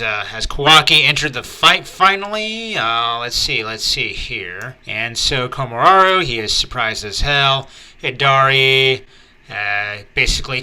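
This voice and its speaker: Slow, bright-voiced manga commentator. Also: male voice, fairly low pitch. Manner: chatty, with many fillers and excited asides. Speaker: manga reviewer and channel host. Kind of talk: casual manga read-through commentary.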